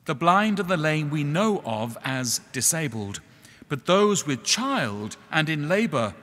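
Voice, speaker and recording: Middle-aged guy preaching, slightly high voice, earnest and measured, big echo from the church. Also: very animated, sharp tone. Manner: measured, earnest, slow pauses on key words. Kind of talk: sermon. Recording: echoey church hall.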